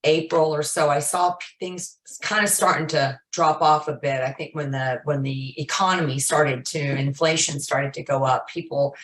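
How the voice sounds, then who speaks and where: A woman in a group call who speaks in a halting, hesitant way with many pauses. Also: low voice, fairly even intonation. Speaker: group member. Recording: echoey room.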